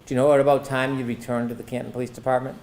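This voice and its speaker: A man's voice: medium pitch, little pitch movement, rapid-fire, darkish tone. A man working as an attorney, questioning a witness in court in a formal, methodical and precise way. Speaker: prosecuting attorney.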